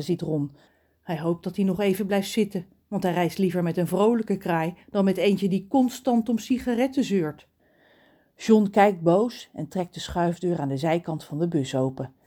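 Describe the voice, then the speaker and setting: A woman narrating a children's storybook in an expressive, animated way. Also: fairly low pitch, husky. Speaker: audiobook reader.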